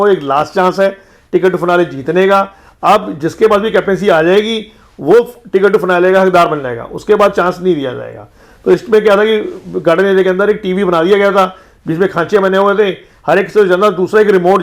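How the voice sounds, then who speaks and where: High-voiced man doing a chatty recap. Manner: retells quarrels by quoting each person in turn. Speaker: show recap vlogger. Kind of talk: casual TV episode recap.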